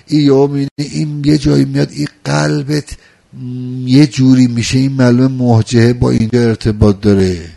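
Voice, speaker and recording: Male preacher, gravelly voice, emotional sermon delivery with big swings in loudness. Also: mid-range voice, fairly even intonation. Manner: emotional, swings from loud pleading to soft intimate talk. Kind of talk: religious sermon.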